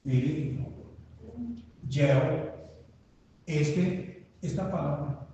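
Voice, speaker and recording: A man, a pastor, teaching a Bible study in a church, speaking haltingly and emphatically, repeating points as he writes them on a board. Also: on the high side, animated, a little mellow. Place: church hall. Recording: reverberant church hall.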